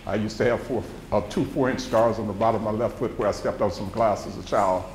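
An older man with a Mississippi accent and a low voice gives a folksy, informal lecture. He speaks at a podium microphone in a roomy, echoing space with a little background noise. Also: fairly even intonation, fast, darkish tone. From central Mississippi, US. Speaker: guest lecturer, retired pharmacology professor. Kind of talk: informal public lecture with personal recollections. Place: indoor lecture room with seated audience. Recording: roomy echo, background noise, live hall.

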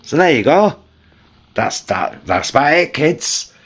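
Hosting a cosy food vlog, a middle-aged Northern English man talks warmly and casually, addressing viewers as "loves." His voice sits on the high side, sing-song and unhurried, a bit bright and slightly rough.

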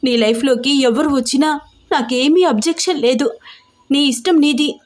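A hurt young woman, sharp and scolding, pushing her lover away, as a female storyteller puts her on. Her voice sits fairly high in this audio story. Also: normal speed, close to an everyday voice. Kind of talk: audio story character reading.

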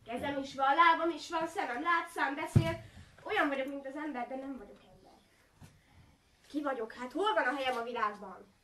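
A woman's voice: high-pitched, pushed and bright, slight background noise. A woman voicing a lost little twig girl who pleads to know who she is, on a children's stage, far off and echoey. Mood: pleading. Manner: pleading, questioning.

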